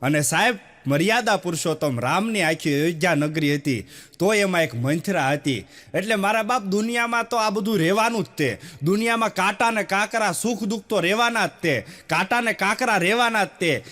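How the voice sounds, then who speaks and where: High, bright-voiced comedian. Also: male voice, expressive, brisk. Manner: acts out dialogue, laughs along, drawls some lines. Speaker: stand-up comedian. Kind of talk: Gujarati folk comedy storytelling.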